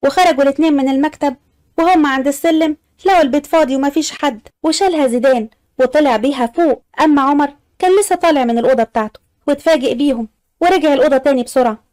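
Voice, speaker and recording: A woman with an Egyptian accent narrating a romance audio story in a brisk, plain manner. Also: high-pitched, a little mellow.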